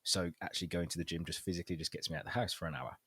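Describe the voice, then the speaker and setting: Low husky man chatting on a podcast. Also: fairly even intonation, racing, a bit bright, dry recording. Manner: laughs often, loose storytelling. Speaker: podcast co-host and fitness trainer. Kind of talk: casual chat.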